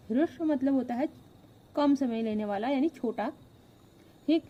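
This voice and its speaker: Woman grammar teacher, high mellow voice, asks and answers her own questions, dull lo-fi recording. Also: a little hiss or hum. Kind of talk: classroom-style grammar lesson.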